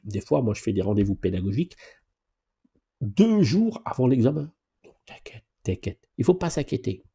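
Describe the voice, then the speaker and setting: A man's voice: mid-range voice, creaky, husky. A man giving a casual live question-and-answer driving lesson as an instructor, talking to viewers in a familiar, chatty way with playful exclamations. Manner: lively exclamations and playful asides.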